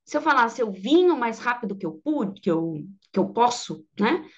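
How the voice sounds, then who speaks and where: Brazilian woman teaching English slowly. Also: fairly high pitch, very animated, muffled recording. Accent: Brazilian Portuguese. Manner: explains step by step, reads English examples slowly and clearly. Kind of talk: online English lesson.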